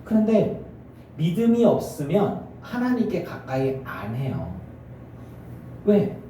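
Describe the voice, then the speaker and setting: Animated pastor in an echoey church. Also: male voice, high-pitched, slow, far from the mic, slight background noise. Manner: animated, acts out family scenes in character voices. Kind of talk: sermon. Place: church sanctuary.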